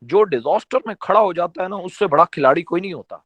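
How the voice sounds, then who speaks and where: A man's voice: sits high, animated, fairly bright tone, no echo, dull audio. A man giving a motivational training talk to his team, teaching in a conversational, emphatic way with many rhetorical questions. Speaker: network marketing trainer.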